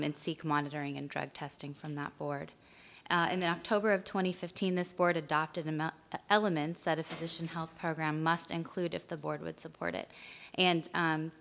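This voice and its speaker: Woman, low voice, firm formal testimony, table mic, big meeting room. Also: a bit bright. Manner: firm, measured, lots of "um"s. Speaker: public commenter for a law advocacy center. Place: large hotel meeting room. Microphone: table microphone.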